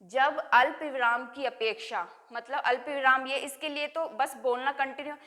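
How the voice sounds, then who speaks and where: A woman's voice: high voice, steady tone, moderate pace, bright, forceful tone. A woman school teacher, giving a grammar lesson and answering her own questions. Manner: asks questions and answers them herself.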